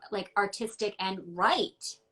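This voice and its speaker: A woman with a mid-range voice speaks slowly in a bright, forceful tone. She's a ballet dancer being interviewed casually by video call at home in her ground floor apartment, and she's candid and emphatic, with plenty of "like" and "um."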